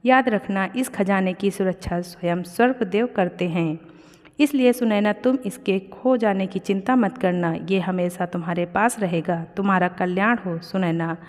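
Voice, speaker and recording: A woman's voice: medium pitch, normal speed, close to an everyday voice. A woman voicing a wise, protective old woman who speaks solemnly and gives blessings. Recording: long reverb.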